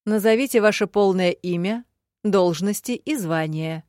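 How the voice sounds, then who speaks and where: A woman reading as an officious male court secretary in an audiobook. He announces rules in a formal, official tone, loud and measured, and the recording is dry. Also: medium pitch, no echo, pitched above the performer's own voice, natural voice. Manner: official, proclaiming.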